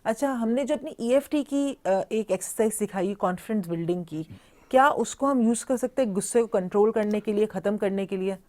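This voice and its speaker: A woman leads a talk with a guest, asking questions and summing up what has been said. Her voice is mellow and warm. She slips easily between two languages mid-sentence. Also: mid-range voice. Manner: conversational questioning, switches between Urdu and English. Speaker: host. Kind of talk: interview conversation.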